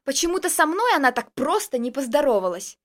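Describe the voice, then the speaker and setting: A woman's voice: sits high, normal speed, lightly acted. A woman doing a hotheaded jealous young man. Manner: heated, insistent outbursts.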